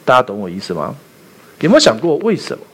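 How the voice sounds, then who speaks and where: A man preaching a sermon as pastor, animated and quizzing the congregation with rhetorical questions. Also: medium pitch, quick pace, breathy edge.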